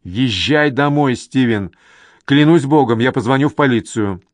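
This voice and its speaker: A man voicing an upset woman shouting at her husband in an audiobook. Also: medium pitch, normal speed, no room sound, studio quality, natural voice. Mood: angry. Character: angry distraught woman leaving her husband.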